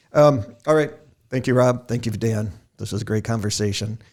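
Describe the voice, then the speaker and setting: Laughing at his own jokes, this man hosts a casual podcast, sharing stories that poke fun at himself. He speaks at a measured pace in a fairly low voice that's a little mellow.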